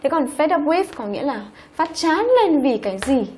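A woman's voice: high-pitched, expressive, normal speed, darkish tone, a little hiss or hum. A woman teaching an online English exam-review lesson, explaining step by step and often checking with her students.

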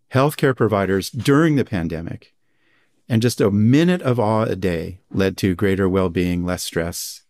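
A man's voice: on the low side, darkish tone. Enthusiastic man explaining research. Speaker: psychologist guest. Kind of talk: conversational interview.

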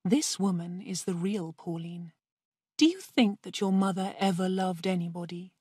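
A woman's voice: fairly low pitch, moderate pace, warm tone, husky, no room sound, studio quality. A woman reading the part of a bold, scheming young niece in a storybook, in an earnest way.

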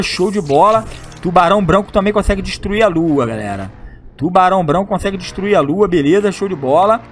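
A young man from Brazil with a high-pitched voice. He commentates his game play in a loud, slangy, excitable way, breaking into shouts at big moments. Faint game music plays under his voice. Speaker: gaming YouTuber.

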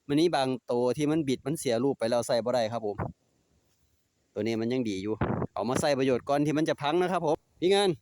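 His mid-range voice has a darkish tone, and there is slight background noise. An easygoing DIY vlogger with a Northeastern Thai Isan accent, he narrates casually while working outdoors in his home yard, chatting away with polite particles and talking to his dogs.

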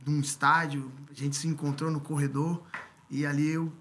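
A man in his fifties from Brazil, a former footballer and coach, telling stories in a relaxed way as a podcast guest on a studio mic. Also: fairly high pitch, moderate pace. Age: 50s. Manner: relaxed storytelling with many tag questions. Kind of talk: casual interview. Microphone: studio mic on stand.

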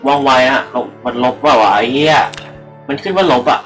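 Young man, gaming commentary, mid-pitched voice, chatty and swearing, computer mic, soft music underneath. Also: expressive, a little fast, rough recording. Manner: rambling, chatty, swears freely, addresses viewers. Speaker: gaming channel host. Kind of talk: casual let's-play commentary. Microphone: computer microphone.

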